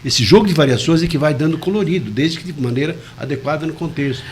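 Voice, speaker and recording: A male communication expert explains ideas in a web radio interview, deliberately enunciating every syllable and varying his volume and pitch to illustrate points. There's a slight hiss or hum in the recording.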